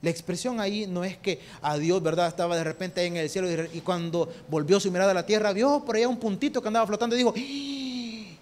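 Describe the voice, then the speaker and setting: High-voiced Salvadoran preacher. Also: male voice, fast talker, few pauses. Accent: Salvadoran Spanish. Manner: rhetorical questions to the congregation, calling them brother; homely, folksy examples. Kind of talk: sermon.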